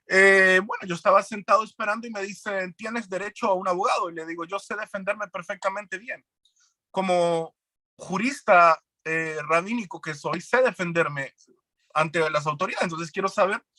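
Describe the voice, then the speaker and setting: A man's voice: high-pitched, bright, forceful tone, dry recording. A man giving an earnest personal testimony as an interview guest, retelling events with quoted dialogue.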